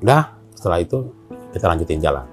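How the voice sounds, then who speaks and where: Guy telling a story, voices everyone, pitch goes all over. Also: quick pace, faint music behind. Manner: animated, acts out dialogue in slang. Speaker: storyteller guest. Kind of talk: casual storytelling chat.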